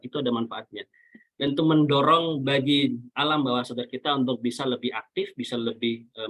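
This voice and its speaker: A man speaking on a video call, giving a relaxed, explanatory religious talk and quoting Arabic scripture now and then. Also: medium pitch. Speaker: webinar speaker.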